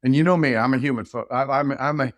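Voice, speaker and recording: A middle-aged man, a leadership expert guesting on a podcast, telling stories in an animated, rambling way with many restarts. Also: mid-range voice, quick pace, dry recording. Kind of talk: casual podcast conversation.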